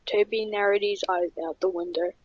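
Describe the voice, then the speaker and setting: A woman reading a horror story aloud in a plain, steady voice. Her tone is slightly husky and breathy. The recording is dull and lo-fi. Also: mid-range voice, moderate pace. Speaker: narrator.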